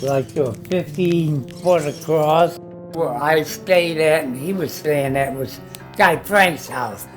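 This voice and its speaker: A man telling a rambling, profane anecdote in a casual spoken style. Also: fairly high pitch. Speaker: storyteller.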